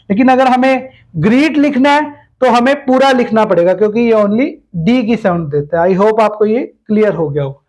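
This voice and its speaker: A man's voice: very high voice, darkish tone, rough recording. A man teaching a step-by-step shorthand lesson, patiently repeating each rule with examples.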